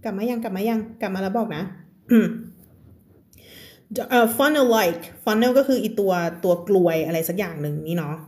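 A woman with a Thai accent teaches English on a live stream from home, reading English lines slowly and then explaining them in casual chat. Her mid-range voice is a little mellow with lively intonation, and she laughs often during this reading lesson.

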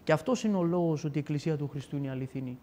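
A man with a fairly high voice tells a personal testimony in a casual, animated way. He acts out the back-and-forth of his story. His voice rings out with a long hall reverb. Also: a little hiss or hum. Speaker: guest giving a testimony.

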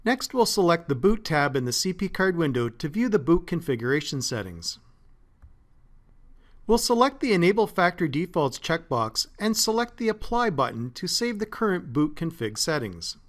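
A man narrating a scripted step-by-step tech tutorial as a support engineer, in a steady, methodical way. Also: fairly high pitch, normal speed. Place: voice-over, not recorded in the pictured place.

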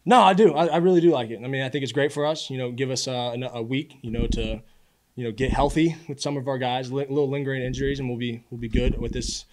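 Speaking fast from behind a podium in an indoor press room, this early-twenties college quarterback fields postgame questions through the podium microphone. His voice sits in the middle range, steady and slightly dark, and he comes across as casual and sincere, frequently repeating a word as he works out what to say.

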